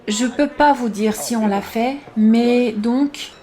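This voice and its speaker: A candid intelligence contractor voiced by a woman in a conversational dub. The voice sits fairly high. The delivery is offhand and matter-of-fact, like someone explaining office routine. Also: slow pace, dark tone. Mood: casual, candid. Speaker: voice-over dub of an interviewee.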